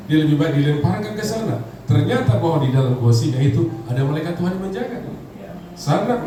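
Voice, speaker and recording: Man, pastor, humorous sermon, echoing church, noisy background, far from the mic. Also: on the high side. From Indonesia. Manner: humorous preaching, calls on the congregation to respond. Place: large church hall. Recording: echoey hall, distant mic, background noise.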